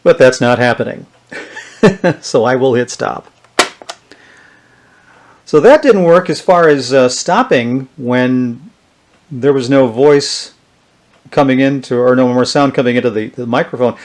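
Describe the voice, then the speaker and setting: Thinking aloud as he tests, a man reviewing vintage electronics talks casually and without a script through a hands-on demo, much like a hobbyist showing a device. His voice is medium-pitched, and he goes a little slowly with frequent pauses.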